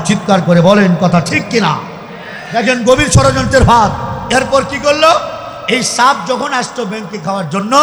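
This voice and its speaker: A man from the Mymensingh region of Bangladesh preaching to a crowd, shouting and firing questions back at his listeners. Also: high-pitched. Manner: shouting, call-and-response questions to the audience. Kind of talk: Islamic sermon to a crowd. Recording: echoey hall reverb from PA.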